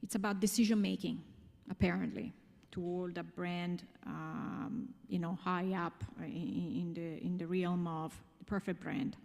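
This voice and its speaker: Speaking at a conference to an audience in a large room, this Italian-accented woman from Italy explains emphatically and keeps posing rhetorical check-in questions. Her lowish, darkish voice is gravelly and fairly even, measured in pace with hardly any pauses, under long hall reverb.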